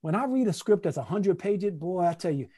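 Male playwright-teacher, high voice, animated, scats rhythms, casual workshop delivery. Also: a little fast, slightly rough. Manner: conversational, repeats phrases for emphasis. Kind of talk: lively online workshop teaching.

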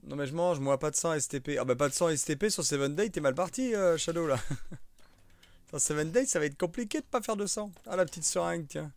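A man's voice: a little high, a little fast, vocal fry. A young man streaming a live survival game, chatting casually, joking and answering viewers in the chat. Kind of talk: live gameplay commentary.

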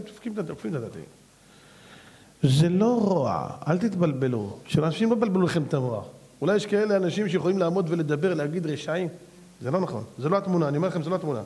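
A man giving an impassioned rabbi's lecture, telling stories and pleading with his listeners, swinging from low earnest tones to high shouted exclamations. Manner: addresses the audience directly as "gentlemen" and "brother". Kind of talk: animated Torah lecture with storytelling.

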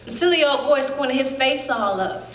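Woman performing a spirited storyteller recalling girlhood. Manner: lively storytelling, colloquial, with quick leaps up in pitch. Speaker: stage actor. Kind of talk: dramatic monologue in a staged reading. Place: theater stage. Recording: roomy hall.

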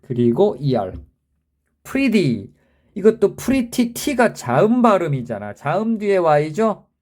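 A man's voice: high voice, sing-song, slow pace, darkish tone. A man teaching a grammar lesson, who spells out word endings letter by letter and keeps quizzing the viewer in an emphatic way.

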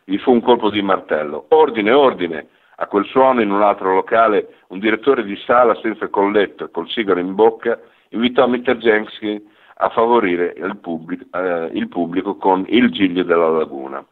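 A man reading a literary story on the radio in a measured storytelling manner, over a narrow phone-like radio sound. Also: fairly low pitch. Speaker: reader.

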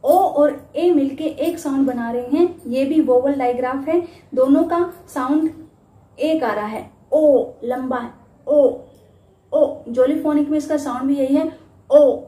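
High-voiced woman teaching phonics sounds. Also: a little slow. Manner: models letter sounds loudly, drawn out. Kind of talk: spoken teaching tutorial. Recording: echoey room.

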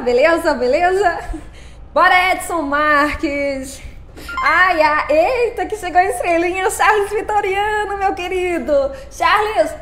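A woman's voice: very high-pitched, a bit bright, a little hiss or hum. A woman chatting on a live stream, playful and laughing often as she greets her viewers by name. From Brazil.

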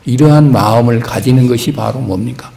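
A man's voice: medium pitch, fairly quick, creaky, mellow. A man, a Buddhist monk, giving a conversational sermon with rhetorical questions and acted-out everyday speech. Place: temple hall. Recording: echoey temple hall.

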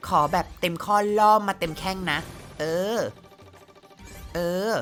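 A woman with a slightly low yet bright, forward voice talks her viewers through a slot game in loose, chatty commentary. She jokes and cries out at the screen as the spins play. Soft game music runs quietly under her close-mic voice. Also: slow pace. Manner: chatty, playful, exclaims at the screen. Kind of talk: casual gameplay commentary.

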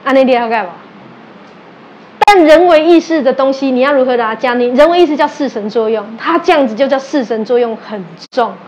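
A woman's voice: sits high, brisk, highs cut off, a little hiss or hum. A woman with a Taiwanese Mandarin accent that mixes in Hokkien, giving a sermon as a religious teacher. She tells stories, acts out quoted exchanges and asks her listeners questions. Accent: Taiwanese Mandarin, mixing in Taiwanese Hokkien. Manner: animated storytelling, acting out quoted exchanges.

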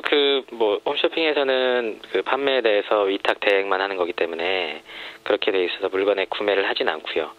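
A former home shopping supplier is interviewed anonymously, his male voice electronically disguised and pitch-shifted deep. He explains things calmly, factually and in a measured way, often hesitating and using filler words. The audio is narrow, tinny, dull and muffled, like a radio broadcast.

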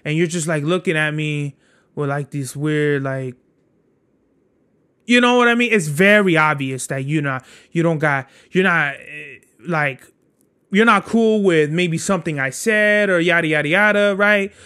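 Young male podcast host, high voice, rambling and profane, street slang. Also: measured pace, sharp tone, clean tone. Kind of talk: casual solo monologue.

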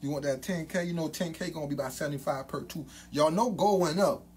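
A hype man talks through the gold grill on his teeth in a casual promo vlog, hyping things up with repeated catchphrases and loud ad-libs. His voice is on the high side and quick, with slight background noise.

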